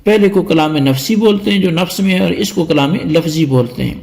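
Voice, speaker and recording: A man's voice: on the high side, creaky, a little mellow. A man teaching a lesson on Quranic exegesis to students, explaining terms step by step. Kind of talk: scholarly lecture to students.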